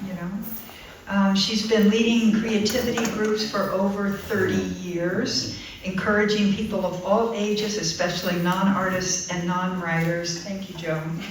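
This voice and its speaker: A woman's voice: mid-range voice, slight background noise. Woman host introducing a poet in an echoey room. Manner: casual, halting, with frequent ums. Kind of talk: live event introduction. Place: art center room at an open mic. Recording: very echoey room, distant mic, faint ambience.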